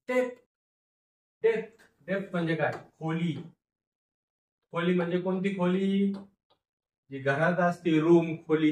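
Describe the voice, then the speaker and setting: A man teaching a phonics lesson, sounding out English words slowly, syllable by syllable, and repeating each one. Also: fairly high pitch, a little mellow, recorded from a distance. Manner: slow, repetitive syllable-by-syllable sounding out. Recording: echoey room, voice from off the mic.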